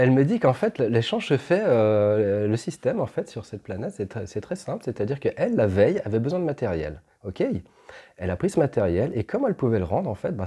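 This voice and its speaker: At home with his pets, a man tells a personal story in a casual, rambling way, full of fillers and restarts. His mid-range voice is warm and slightly rough.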